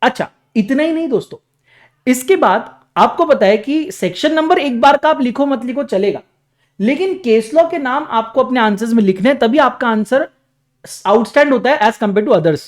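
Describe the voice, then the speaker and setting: A young man, a coaching teacher, giving an energetic, salesy pitch for his new book, with dramatic emphasis. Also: normal speed.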